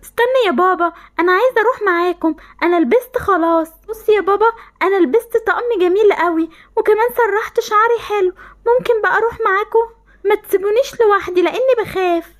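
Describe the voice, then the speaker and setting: A woman's voice: very high voice, fast talker. A woman with an Egyptian accent voicing a sad young girl rejected by her family, in a voiced game-animation story, tearful and pleading. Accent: Egyptian Arabic.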